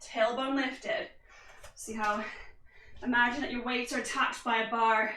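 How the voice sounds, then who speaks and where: Woman coaching a workout, high bright voice, upbeat step-by-step cues, echoey room with a distant mic. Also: flat delivery, measured pace, slight background noise. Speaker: fitness instructor. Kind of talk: guided workout instruction.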